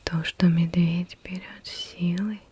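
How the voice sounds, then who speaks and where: A woman whispering ASMR affirmations in a soft, breathy, barely audible voice, repeating phrases as they fade away. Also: fairly low pitch, flat delivery. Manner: very slow, repeats phrases in fading echoes. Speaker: ASMR creator.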